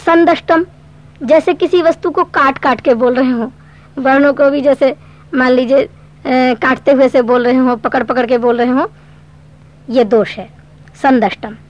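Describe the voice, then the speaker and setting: A woman teaching a Sanskrit grammar lesson, explaining patiently step by step and reciting verse slowly. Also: high voice, steady tone. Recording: dull lo-fi recording.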